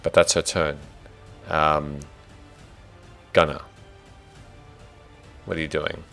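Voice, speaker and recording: An Australian man narrating a tabletop game as dungeon master, thinking out loud and muttering to himself while he sets things up. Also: rumbling low, level tone, takes it slowly, vocal fry, faint music behind.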